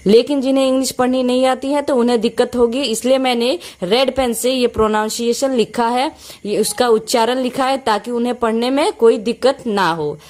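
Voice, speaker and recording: A woman teaching English to Hindi speakers, reading English phrases slowly with an Indian accent and explaining each word with repetition. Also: on the high side, darkish tone. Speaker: English teacher, channel host.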